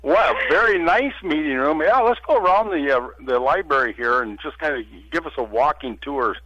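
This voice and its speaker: A man's voice: on the high side, expressive, moderate pace, sharp tone, muffled recording. A man hosting a radio interview in a library meeting room, joking and playful in his questions. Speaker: radio host.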